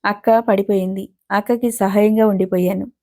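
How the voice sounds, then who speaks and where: A woman's voice: mid-range voice, steady tone, moderate pace, close to an everyday voice. A woman voicing a proud young woman who answers curtly and sharply, in a storybook reading. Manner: curt, sharp-toned.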